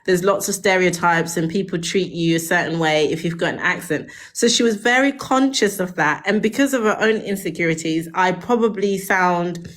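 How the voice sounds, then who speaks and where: A woman's voice: lowish voice, normal speed, fairly bright tone. Chatty British woman on a live stream. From England. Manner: chatty, laughs often, emphatic. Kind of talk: casual live chat. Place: home in Cornwall.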